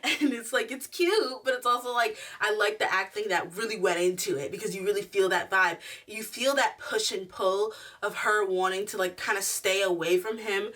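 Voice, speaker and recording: A giggly, tipsy woman chats through a casual review with an ordinary mid-range pitch. She rambles in animated slang and acts out little quotes as she goes. The microphone picks her up from some distance. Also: moderate pace, few pauses. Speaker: reviewer hosting a show review. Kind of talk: casual video review, chatty commentary.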